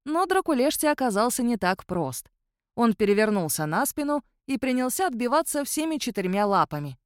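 Animated woman narrating a story. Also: a little high, fairly quick, clear, resonant tone, no room sound, clean studio sound. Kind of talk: audiobook storytelling.

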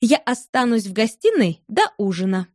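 Woman reads wounded, wilful young wife, higher voice, dry close audiobook sound. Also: big pitch swings, normal speed, no echo. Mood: playful, pleading. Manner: pleading, reproachful, playful turning angry. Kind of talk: audiobook character voice.

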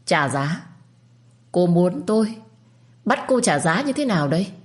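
A bitter young husband, icy and harsh, telling someone to leave in an audio story, as a woman reader puts him on. The low voice pushes upward when he snaps. He is plainly wounded and unforgiving. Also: big pitch swings, measured pace. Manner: cold, harsh.

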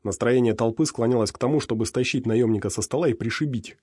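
A man reading audiobook narration in a steady, measured way. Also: medium pitch, no echo, studio quality. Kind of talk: scripted narration.

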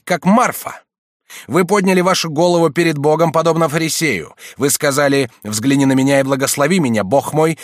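A man's voice: medium pitch, no echo, studio quality, lightly acted. A man voicing a stern old cardinal who rebukes a monk, reading a storybook aloud. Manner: rebuking, rising and forceful.

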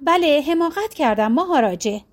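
A woman voicing a poor male Brahmin who pleads his case haltingly before a ruler, in a storybook reading. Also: high voice, animated, voice pushed up. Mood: pleading. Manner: halting, sighing plea.

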